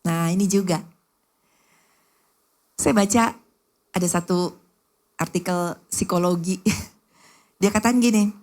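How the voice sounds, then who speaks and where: A woman pastor preaching an animated sermon, often calling out to the women in the congregation and acting out little scenes of everyday chatter. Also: medium pitch.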